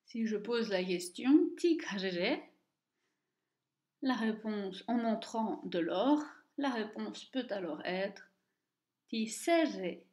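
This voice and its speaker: A woman teaching Tibetan reading, speaking slowly and carefully and repeating each word twice for the listener. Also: mid-range voice, expressive, a little mellow. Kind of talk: slow, deliberate language lesson. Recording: echoey room, dull lo-fi sound.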